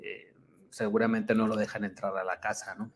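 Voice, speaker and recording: A man co-hosting a casual gossip chat, asking questions and adding quick quips. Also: fairly low pitch, level tone. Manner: conversational, quips and asks questions. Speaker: co-host.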